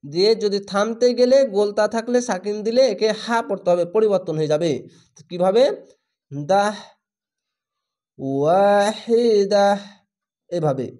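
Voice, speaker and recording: A man teaching Quran reading in a spelled-out lesson, drawing out recited words very slowly and then explaining each rule in a plain, instructive voice. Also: high-pitched, warm tone.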